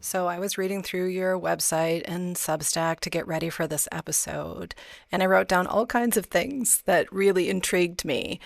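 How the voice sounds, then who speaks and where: A woman's voice: on the low side, gravelly, dry recording. Female podcast host, conversational interviewer, dry close mic.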